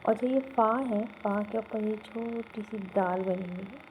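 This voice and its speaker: This rough recording carries a slight hiss or hum under a medium-pitched female voice. She is patiently teaching beginners to read the Quran, having them repeat and frequently asking "theek hai?" to be sure they follow.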